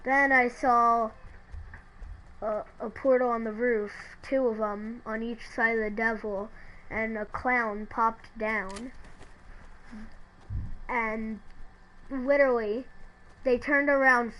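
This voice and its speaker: A woman telling a creepy story in a halting, hesitant way, often restarting her sentences. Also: a little high, fairly even intonation, fairly bright tone, slight background noise, low-quality recording. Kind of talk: creepypasta narration.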